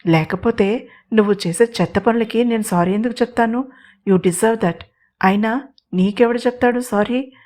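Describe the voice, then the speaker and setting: A woman's voice: on the high side, moderate pace, a little mellow, lightly acted. A woman voicing a reserved young man who teases his sister and speaks tenderly to the woman he loves. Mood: teasing. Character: young man, reserved elder brother and gentle lover.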